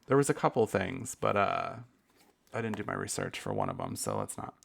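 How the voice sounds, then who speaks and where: A man with a rumbling low, gravelly, husky voice hosts a podcast alone, chatting casually in a candid, profane, campy way and laughing at his own asides.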